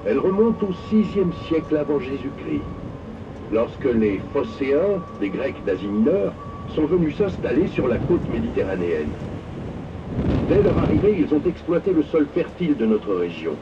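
An actor playing an older former miner and winemaker who guides visitors in a scripted, lively storytelling narration. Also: male voice, on the high side, moderate pace, distant mic. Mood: enthusiastic. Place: open tourist train outdoors. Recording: muffled loudspeaker on a moving tourist train, heard from afar with loud engine noise. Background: vehicle engine and outdoor ambience.

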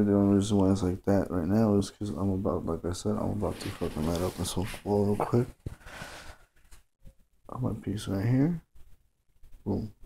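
A man talking to his phone camera at home in a rambling, mumbling casual monologue, halting with fillers. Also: fairly low pitch, gravelly, warm tone, slight background noise. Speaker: vlogger. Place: at home indoors. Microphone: phone camera close up.

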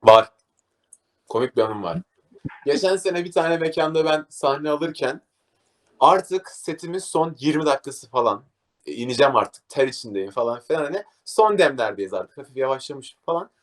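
A young man, a DJ, talking casually in an interview and acting out a story with lively energy. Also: a little high, moderate pace. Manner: animated, acts out scenes, says "abi" a lot. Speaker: DJ guest.

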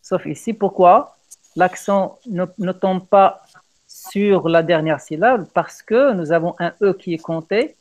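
Un homme, professeur, donne un cours de poésie française en visioconférence, patient et guidant ses élèves. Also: male voice, high-pitched, slow pace. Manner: patient, guiding, repeats praise. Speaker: teacher. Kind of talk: online French poetry lesson.

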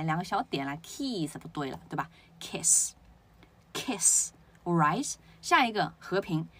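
A woman's voice: mid-range voice, a bit bright. A woman teaching a pronunciation lesson, explaining step by step, asking rhetorical questions and drilling words aloud. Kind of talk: spoken lesson.

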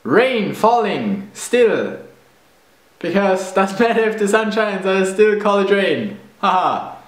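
A young German-accented man in his twenties answers questions in a casual indoor vlog, playful and self-mocking. His high voice is sing-song and slow, recorded close by a camera with a roomy sound.

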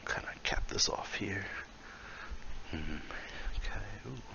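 Whispering in a low, expressive voice that's bright and forceful with vocal fry, a man slowly explains how he builds in a VR game. The casual tutorial has him thinking aloud and muttering small asides, recorded in lo-fi sound.

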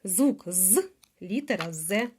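A woman preschool teacher with a Ukrainian accent, speaking at a very slow, deliberate pace. She stretches out single sounds and says each word again and again for little children. Her voice sits at an ordinary middle pitch. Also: expressive, darkish tone, slight background noise. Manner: drawn-out sounds, repeating each word and letter. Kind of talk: slow phonics lesson for small children.

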